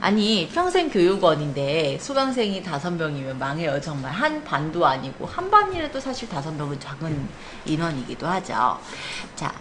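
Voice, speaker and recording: A computer academy instructor, a woman with a low, sing-song voice, runs a hands-on spreadsheet class at a moderate pace with few pauses. Step by step, she checks on her students often, using short questions and encouragement. There is clear classroom background noise.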